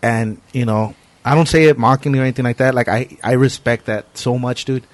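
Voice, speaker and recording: Man, podcast host, informal and slangy, earnest, mid-pitched, dry recording. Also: steady tone, brisk, no echo. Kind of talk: casual conversation.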